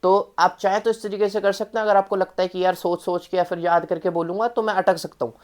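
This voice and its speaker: A woman's voice: medium pitch, fairly even intonation, quick pace, darkish tone. A woman giving a casual exam-prep lesson, mixing in English phrases, talking to viewers in a familiar way and repeating key points. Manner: mixes Hindi with English phrases. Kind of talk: casual spoken lesson to students.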